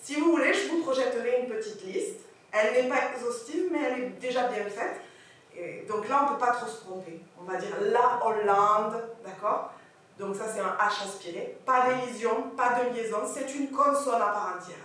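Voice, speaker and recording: A woman French teacher giving an animated lecture on pronunciation, checking in with her audience as she goes. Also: on the high side, moderate pace. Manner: animated, corrects pronunciation, asks the audience questions. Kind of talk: lively classroom lecture. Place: lecture hall. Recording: echoey hall from far off, faint hiss.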